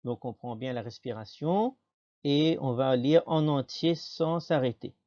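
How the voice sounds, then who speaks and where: A man giving a patient pronunciation lesson, saying each word slowly and then repeating it for the learner. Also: mid-range voice, warm tone, muffled recording. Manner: patient, models words slowly and repeats them. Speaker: teacher.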